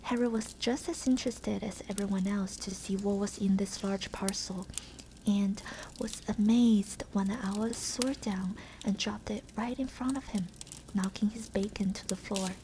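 Lady whispering a storybook for asmr, soft unvoiced whisper, mellow, faint hiss behind. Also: mid-range voice, steady tone, normal speed, poor audio.

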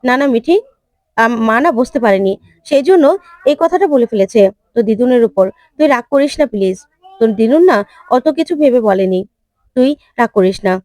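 An exasperated husband who rebukes his meddling wife, played by a woman narrator. The voice is high-set and dry, with sudden loud jumps. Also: animated, fairly quick, long pauses, no room sound, close to an everyday voice. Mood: pleading.

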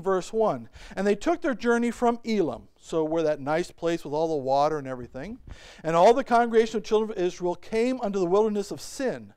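A middle-aged pastor preaches at a church pulpit, his fairly high voice swinging widely in pitch. His tone is smooth and resonant, and he keeps tossing questions at the congregation. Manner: animated preaching with rhetorical questions and gestures. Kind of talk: sermon. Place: church sanctuary, at a pulpit by a whiteboard.

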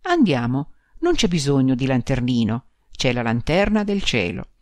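Shy, downcast middle-aged groom in a storybook reading, a woman narrator putting him on, quiet and gentle. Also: a bass voice, sing-song, normal speed, no echo. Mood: subdued. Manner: timid, gentle, then gloomy. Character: timid, saddened bridegroom, middle-aged man.

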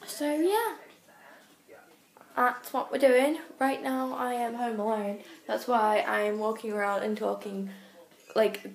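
A teenage girl rambles casually into her phone camera, self-conscious and chatty. Her voice sits a bit high. The phone audio sounds echoey, as if the room is bouncing it back. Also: steady tone, takes it slowly, creaky. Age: teens. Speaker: vlogger. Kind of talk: casual vlog talk to camera. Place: home rooms, then restaurant and bathroom. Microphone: phone held at arm's length.

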